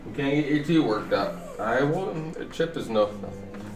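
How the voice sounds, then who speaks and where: A man and father bantering playfully with his child during a stream, teasing in an unhurried way. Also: mid-range voice, expressive, distant mic. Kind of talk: casual family banter on a stream. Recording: roomy sound, off-mic, game music behind.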